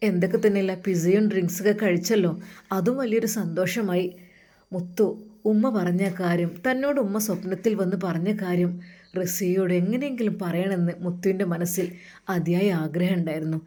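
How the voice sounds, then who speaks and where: A woman's voice: lowish voice, brisk, dark tone. A woman narrating an emotional religious story in a dramatic, heartfelt manner, with pious interjections.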